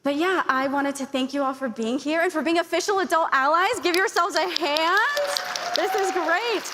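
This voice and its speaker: A young woman from Arizona with a very high-pitched voice speaks at normal speed as a youth panelist at a conference in a large hall with long reverb. She's earnest, grateful and chatty, full of likes, fillers and thanks. Crowd noise and other background noise can be heard.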